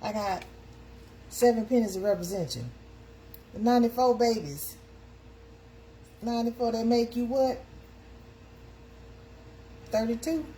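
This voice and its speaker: A woman's voice: on the high side, measured pace, pauses often, mellow, a little hiss or hum. A woman, hosting a casual live chat and calling out to her viewers. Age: 50s. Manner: chatty, calls out to viewers. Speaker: live stream host.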